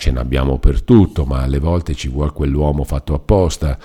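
A man's voice: a bass voice, normal speed, dark tone, slightly rough, pitched below the performer's own voice. A man voicing a chatty self-important old friar. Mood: explaining. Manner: garrulous, explaining, reassuring.

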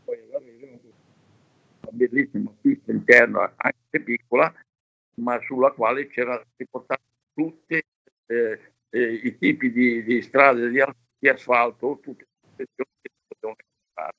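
An older man with a gravelly voice recounts his working years in a halting way, full of fillers and restarts. He is heard over a thin, phone-like call line whose signal keeps breaking up and fading out. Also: mid-range voice, fairly even intonation. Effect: call audio breaking up and fading. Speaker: retired car test driver. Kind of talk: remote interview storytelling. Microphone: video or phone call.

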